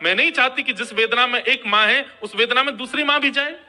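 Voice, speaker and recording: Man doing grieving mother queen, earnest plea, bright and high. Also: fairly quick, a little hiss or hum, full character voice. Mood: pleading.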